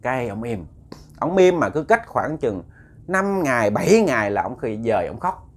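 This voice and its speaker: A man's voice: medium pitch, big pitch swings, normal speed. Southern Vietnamese man telling ghost stories. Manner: conversational, addresses listeners directly. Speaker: ghost story narrator. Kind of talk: casual storytelling.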